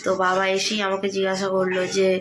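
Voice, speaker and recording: A young woman talks through her day to her viewers, holding the phone camera herself. Her pitch stays fairly flat and even, at a middling height. A faint hum of background noise sits under her voice. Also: fast talker. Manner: chatty, addresses viewers as friends; speaks softly so passers-by won't stare. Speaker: vlogger. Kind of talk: casual daily vlog chat to viewers. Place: family home in a semi-rural village. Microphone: handheld phone camera.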